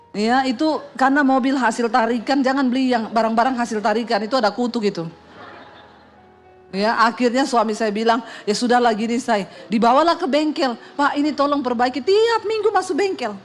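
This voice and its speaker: A middle-aged woman pastor, preaching with humorous storytelling, quoted voices and sound effects. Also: on the high side. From Indonesia. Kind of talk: sermon.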